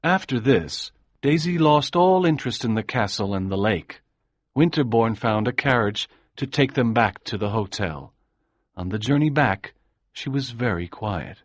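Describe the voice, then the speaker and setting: A man narrating an audiobook in a calm, measured way. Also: medium pitch, no echo.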